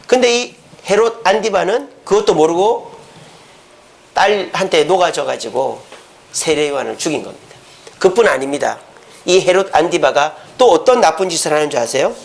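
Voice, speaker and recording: A middle-aged male pastor preaching a lively storytelling sermon, often asking the congregation questions. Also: on the high side, normal speed, creaky.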